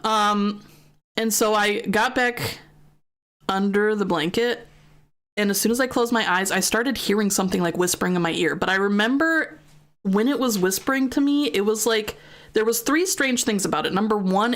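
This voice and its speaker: A young American woman streamer casually telling a long story, chatty, with lots of fillers and swearing. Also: mid-range voice. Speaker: gaming streamer.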